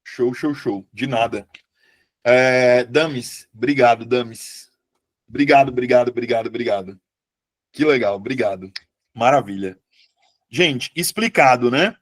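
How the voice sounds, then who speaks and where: A man teaching a live online Portuguese lesson, chatty and lively, often putting questions to his students. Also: medium pitch, takes it slowly, no room sound, studio quality.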